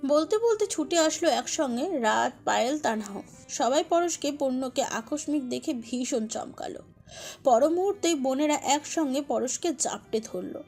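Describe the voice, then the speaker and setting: A woman narrating a romantic audio story with expressive, emotive delivery. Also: sits high, unhurried, soft background music.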